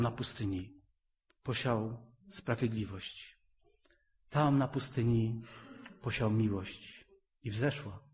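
Middle-aged guy preaching, repeats lines like a chant, gets loud and worked up. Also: mid-range voice. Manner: fervent, rising to loud emphatic peaks; repetitive, rhythmic phrasing. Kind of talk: sermon.

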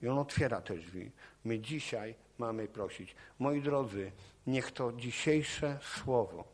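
A man's voice: mid-range voice, takes it slowly. Impassioned male preacher giving testimony. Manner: impassioned, repetitive, rising in intensity. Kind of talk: sermon with personal testimony. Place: church or meeting hall podium.

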